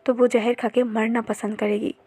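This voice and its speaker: A moody male mafia boss, drunk and brooding, read by a woman narrator in a higher voice. His lines come across plainly and sound dry and close. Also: level tone, moderate pace, mellow, husky, no echo. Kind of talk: narrated fan-fiction retelling.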